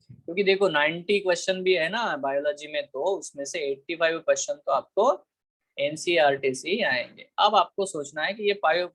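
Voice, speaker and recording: A man's voice: fairly high pitch, a bit bright, rough recording. A man teaching a biology class online, switching between Hindi and English with an Indian accent, calling students "beta" and often checking that they follow. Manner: asks the class frequent check questions.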